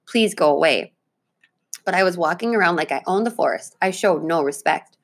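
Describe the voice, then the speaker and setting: A woman reading the lines of a gentle old grandfather telling stories, in a children's book read aloud. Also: on the low side, lively intonation, moderate pace.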